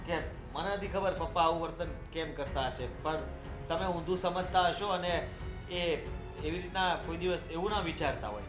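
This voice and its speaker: An actor playing a confused young unmarried son who talks in a whiny, placating way. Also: male voice, on the high side, moderate pace, natural voice. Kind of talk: short film acting. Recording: echoey room with music. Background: background music.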